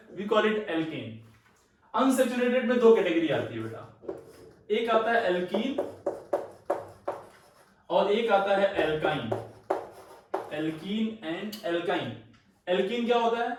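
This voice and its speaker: A man's voice: high-pitched, far from the mic. A man teaching chemistry in a lecture, mixing Hindi and English, calling students "beta" and asking then answering his own questions. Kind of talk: classroom lecture. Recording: very echoey room, voice from the mic.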